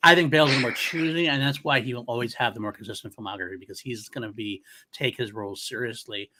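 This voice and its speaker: A man's voice: mid-range voice, quick pace, noisy background. A man co-hosting a casual podcast debate who repeats phrases and restarts his sentences. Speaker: co-host.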